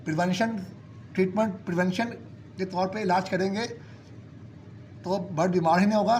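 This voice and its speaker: A man with a sore throat, hosting a bird-keeping channel, calmly explains medicine doses to viewers he calls friends. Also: sits high, normal speed, a little hiss or hum. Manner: steady, repetitive explaining, addresses viewers as friends. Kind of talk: casual advice talk to viewers.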